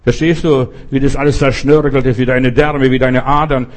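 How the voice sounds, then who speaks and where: A man's voice: medium pitch, fairly even intonation, moderate pace. A man preaching a sermon in an exhorting way, speaking straight to the listener and repeating short commands. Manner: exhorting, addresses listener directly as du.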